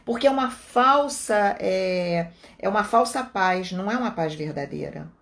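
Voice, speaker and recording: A Brazilian woman gives a live talk as a meditation teacher, and her voice sits in an ordinary middle pitch for a woman. She explains things calmly and patiently, and she stretches out her words whenever she repeats her meditation instructions. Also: gravelly. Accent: Brazilian Portuguese. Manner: calm, explanatory, speaks slowly when quoting meditation cues.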